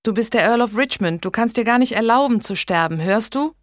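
A woman reading an audiobook gives a higher, pleading voice to a flustered, tender young woman caring for a newborn. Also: lively intonation, dry recording, studio quality, lightly acted. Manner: pleading, tearful, hurried.

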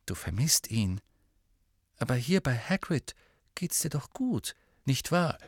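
A man voicing a determined teenage boy wizard, firm and at times soft. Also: a little high, a little slow, dry recording, studio quality, voice pushed up. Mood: gentle.

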